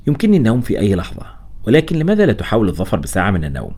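A man voicing a restless, sarcastic young male doctor with a quick wit. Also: lowish voice, huge pitch swings, darkish tone, husky, exaggerated voice.

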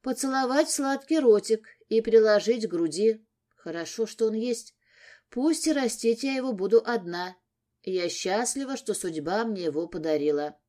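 A woman's voice: a little high, expressive, moderate pace, warm tone. A woman narrating a first-person audiobook story in an emotional, intimate way.

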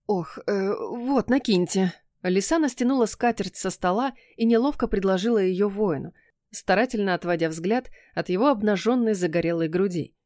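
A woman narrating an audiobook in first person, with expressive storytelling. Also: mid-range voice, dry recording, studio quality.

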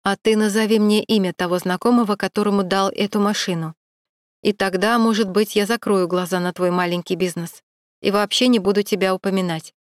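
A woman's voice: medium pitch, fairly even intonation, brisk, dry recording, clean studio sound, natural voice. A woman voicing a stern middle-aged police captain who questions coldly and with irony. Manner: cold, pressing, ironic.

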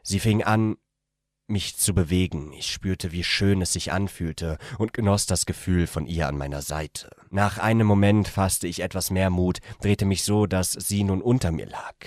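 A man reading a story aloud in a plain, unpolished way, breaking off for quick asides. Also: low voice, darkish tone, no room sound, studio quality.

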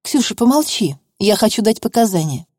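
A woman's voice: medium pitch, big pitch swings, fairly quick, darkish tone, breathy edge, no echo, studio quality. A woman voicing a mother who speaks firmly and earnestly in court. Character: mother of a teenage witness, confessing. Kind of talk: audiobook reading.

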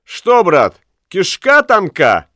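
A brash young trickster who shouts his boasts and taunts with a grin in the voice, as a man reads him aloud. He pitches up high and gets loud, with lively swings in tone. The sound is dry and close. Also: unhurried, no echo. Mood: mocking. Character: cocky young male prankster, mocking and boastful.

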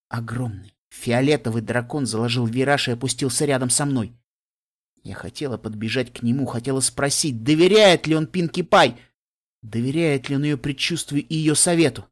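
A man narrating a first-person fan audiobook in an emotional way, swinging between hushed and urgent. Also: medium pitch, normal speed.

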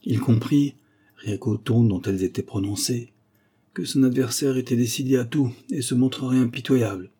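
A man narrating a detective novel in a measured, dramatic reading. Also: medium pitch, warm tone, slightly rough. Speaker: audiobook narrator.

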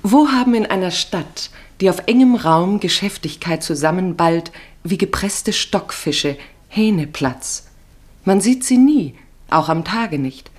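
This low-pitched female narrator comes from a 1950s radio feature. Speaking in the first person, she declaims a literary travel story carefully and poetically, with lively intonation and a measured pace.

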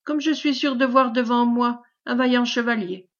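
A woman reading the lines of a servile, scheming man who flatters in a caressing, obsequious tone, in a storybook reading. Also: fairly high pitch, moderate pace, lo-fi sound, natural voice. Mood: fawning. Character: fawning, sly male schemer, servile and unctuous.

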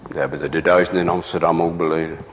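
A male pastor preaching a sermon in a church, swinging from loud cries to hushed whispers and asking many rhetorical questions. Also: sits low, fairly even intonation, rapid-fire, big-room sound, a little hiss or hum.

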